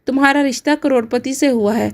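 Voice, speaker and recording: Worried loving mom from a storybook, soft and coaxing, woman reading, bit high. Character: worried poor mother, fond and anxious.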